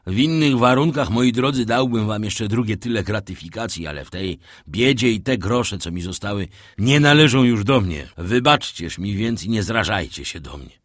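A man voicing a gentle, sorrowful older shipowner who has lost everything. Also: on the low side, expressive, normal speed, dry recording, studio quality. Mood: moved. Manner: soft, warm, sorrowful.

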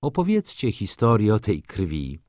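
A man's voice: fairly low pitch, wildly swooping pitch, unhurried, darkish tone, no room sound, clean studio sound. A man voicing a young aristocratic lady who speaks in a commanding, lightly condescending way. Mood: poised.

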